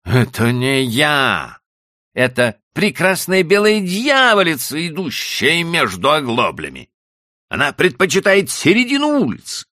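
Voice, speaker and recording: A man reading an audiobook, voicing an excitable, fussy young wife with high, shrill exclamations. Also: normal speed, vocal fry, no echo, studio quality, heavily acted. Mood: exasperated.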